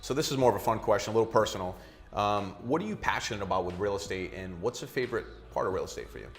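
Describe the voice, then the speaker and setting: A man hosting an interview segment, friendly and brisk with a promotional manner. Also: fairly low pitch, animated, soft background music. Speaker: interview host. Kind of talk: hosted interview.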